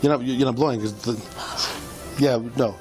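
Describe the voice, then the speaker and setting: A man's voice: medium pitch, steady tone, moderate pace. A middle-aged male police officer coaching someone through a breath test with short, repeated commands. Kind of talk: bodycam field recording. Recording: bodycam audio under loud music.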